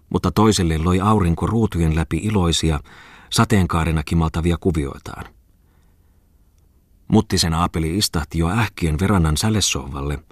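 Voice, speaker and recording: A man reading a classic novel aloud in measured, even storytelling narration. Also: deep voice, breathy edge, dry recording, clean studio sound. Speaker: audiobook reader.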